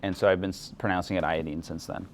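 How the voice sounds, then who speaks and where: A young man teaching a chemistry class, explaining things in a relaxed way and asking students questions. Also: deep voice, fast talker, a little hiss or hum. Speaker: chemistry instructor. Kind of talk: classroom lecture.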